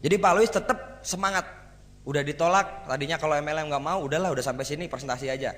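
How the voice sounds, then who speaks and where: A man giving a motivational seminar talk to a live audience, energetic and rhetorical, often asking the crowd for agreement. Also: on the high side, quick pace. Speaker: motivational speaker. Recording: hall reverb.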